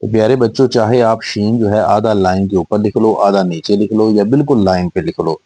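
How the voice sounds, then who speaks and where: Patient, low-voiced man spelling words slowly. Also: dark tone, no echo, rough recording. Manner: patient, repeats words syllable by syllable. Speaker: Urdu teacher for young children. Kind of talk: slow spelling-out lesson.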